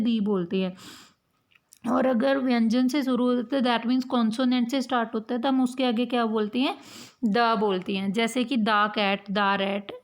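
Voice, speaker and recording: A woman teaching an English lesson, patient, asking and answering her own questions. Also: a little high. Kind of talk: explaining a language lesson.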